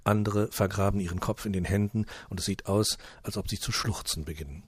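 A man reading a humorous short story aloud in a calm, even storytelling manner. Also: fairly low pitch, fairly quick, slightly rough, no room sound. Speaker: narrator.

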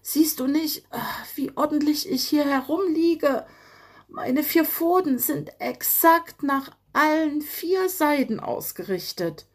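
A woman's voice: sits high, lively intonation, takes it slowly, voice pushed up. A woman voicing a proud, grumpy male fox who growls and sulks in a children's audio story. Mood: dazed. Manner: grumbling, sulky.

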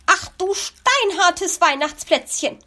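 Brief: shrill, high, nosy magpie lady for a storybook, put on by a woman narrator, loud and dramatic. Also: very animated, measured pace, heavily acted. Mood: shrill, indignant. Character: fussy nosy female magpie, easily outraged. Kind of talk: storybook reading.

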